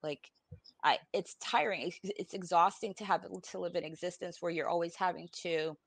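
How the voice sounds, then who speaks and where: Low-pitched and steady, this Puerto Rican woman in her forties speaks at a moderate pace with no room sound. She's a podcast guest on a home video call, giving blunt, informal, salty personal talk to a panel while sounding emotionally exhausted and worn down.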